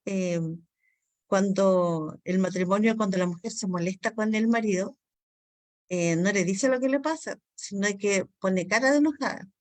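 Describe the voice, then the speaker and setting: A woman's voice: mid-range voice, moderate pace. A woman from Chile with a Chilean accent, teaching a Bible counseling class in an earnest, apologetic way and acting out everyday dialogue as examples. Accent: Chilean Spanish. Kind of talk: online course lesson.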